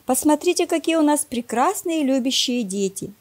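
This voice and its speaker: A woman voicing a calm, gentle mother soothing her husband in a children's story. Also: sits high, normal speed, pitched above the performer's own voice.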